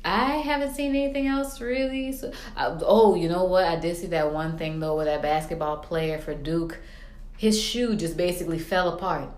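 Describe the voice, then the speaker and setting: A woman with a low voice hosts a casual chat. She rambles colloquially and drops quips, and her voice rings with noticeable room echo. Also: moderate pace, darkish tone. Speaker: podcast host. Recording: roomy echo.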